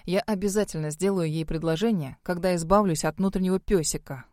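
A woman's voice: lowish voice, a little fast, darkish tone, dry recording, clean studio sound, lightly acted. A woman voicing an easygoing, cheeky young man under a curse who is not quite human. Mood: good-natured.

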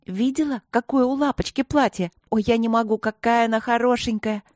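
A woman's voice: a little high, fairly even intonation, fairly quick, darkish tone, dry recording, voice pushed up, lightly acted. A gushing, pushy teenage schoolgirl scolds a classmate, as a woman reading a storybook puts her on. Her voice is lifted above the reader's own. The sound is dry and close.

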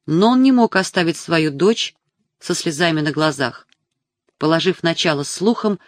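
An audiobook narrator reading literary prose in a measured, even storytelling manner. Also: medium pitch, no room sound.

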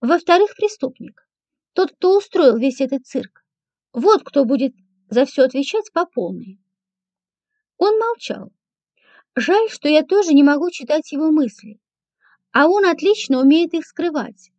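A woman narrating a first-person audiobook in a dry, measured manner. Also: high-pitched, very animated, a little mellow, dry recording. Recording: dull lo-fi, dry.

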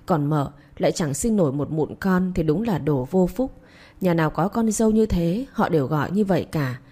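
A woman narrating a romance story in a steady, emotive reading style. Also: lowish voice, husky.

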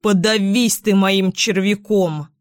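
A woman voicing a hot-tempered male sparrow who shouts and complains indignantly in a storybook. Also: medium pitch, unhurried, dry recording, clean studio sound, natural voice.

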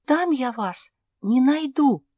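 A woman voicing an anxious little female pug who pleads in a high, urgent voice. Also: expressive, slow, mellow, dry recording, studio quality, full character voice. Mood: anxious pleading.

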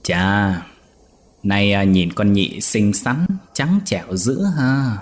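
A man's voice: deep voice, normal speed, close to an everyday voice. A man voicing an older lecherous master who talks in a sly, gloating, threatening way. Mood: leering.

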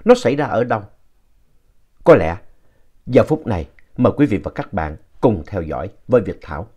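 Animated male ghost story narrator. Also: fairly low pitch, moderate pace, breathy edge, muffled recording. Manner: animated, playful reading with lively shifts in tone. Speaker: storyteller reading listeners' ghost story letters.

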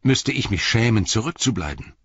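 A man's voice: fairly low pitch, animated, normal speed, a bit bright, breathy edge, dry recording, voice pushed up. A man reading the lines of a small, loyal young hobbit who pleads and stammers, in a dull lo-fi audiobook recording. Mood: pleading.

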